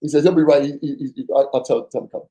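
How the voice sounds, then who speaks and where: A middle-aged man, a guest on a podcast, tells war stories in a casual, animated way, acting out the dialogue and swearing freely. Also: on the high side, racing. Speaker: podcast guest, former undercover agent. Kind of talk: casual storytelling interview. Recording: echoey room.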